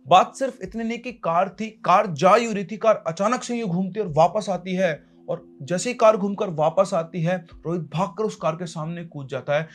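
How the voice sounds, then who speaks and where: A man narrating a horror story in a dramatic way, pushing suddenly ahead and then slowing down. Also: high voice.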